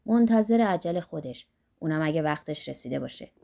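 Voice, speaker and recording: A woman's voice: sits low, lively intonation, vocal fry, warm tone, pitched below the performer's own voice. A woman voicing an earthy, boisterous older workman, blunt and philosophizing, in an audiobook.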